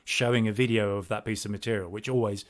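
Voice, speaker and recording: A man's voice: on the low side, fairly even intonation, quick pace. A man co-hosting a podcast over a video call, chatting casually in a teasing, wry way and laughing at his own jokes. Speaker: podcast co-host.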